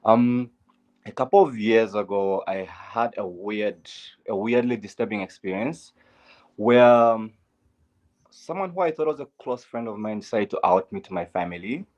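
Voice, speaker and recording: This young Zambian man, an LGBTQ advocate, is a guest in an interview, telling his personal story earnestly and candidly with lots of fillers and set phrases. His fairly low, slightly mellow voice moves at a normal speed, and the audio sounds dull.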